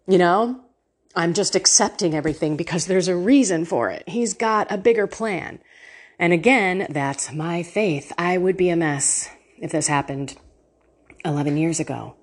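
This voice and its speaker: A woman's voice: on the low side, normal speed. A woman hosting a faith podcast, talking earnestly and animatedly, laughing often as she speaks to her listeners. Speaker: podcast host.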